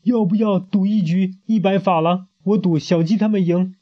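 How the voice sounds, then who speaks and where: A sly, gambling storybook donkey, put on by a man, raised in pitch and eager to bet. The recording sounds muffled and lo-fi. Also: fairly even intonation, moderate pace.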